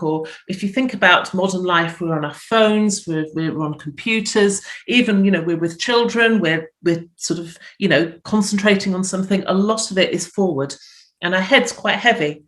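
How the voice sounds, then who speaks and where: A middle-aged woman from the UK, a physiotherapist, giving health tips in a chatty interview and voicing little inner thoughts as she explains. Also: on the low side. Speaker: physiotherapist guest.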